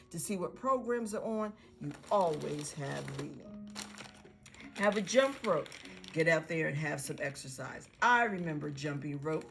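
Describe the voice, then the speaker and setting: A woman's voice: low-pitched, creaky. A woman teacher giving parents encouraging tips on reading and writing activities with their young children. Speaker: pre-K teacher. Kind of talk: instructional video for parents.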